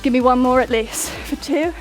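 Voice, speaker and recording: A woman's voice: sits high, normal speed. Young woman fitness instructor counting down reps, bit breathless, music underneath. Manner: upbeat coaching, counts down reps. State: out of breath at times. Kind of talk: workout instruction over music.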